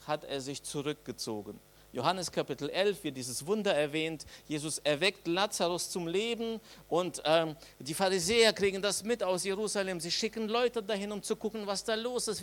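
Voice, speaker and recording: A man with a slightly higher-than-usual voice gives an Easter sermon. He speaks directly to the congregation in a conversational way, with everyday asides, and pushes the key phrases out louder. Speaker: preacher.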